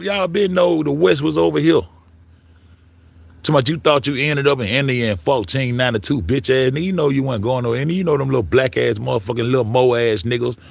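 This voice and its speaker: A man with a gravelly, rough-edged voice rants at length and swears constantly. He restarts his sentences, repeats words, and keeps pressing his point with heat. His pitch sits in an ordinary middle range for a man. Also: no room sound. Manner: profane, heated, repeats himself. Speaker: commentator. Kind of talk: ranting monologue.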